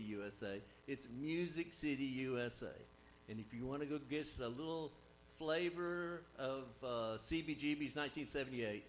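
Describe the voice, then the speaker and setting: A man's voice: mid-range voice, a bit bright, low-quality recording. A man, a singer-songwriter giving rambling, folksy banter between songs on a live stage. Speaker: singer-songwriter introducing his band. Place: live music stage with audience. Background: guitar and band instruments.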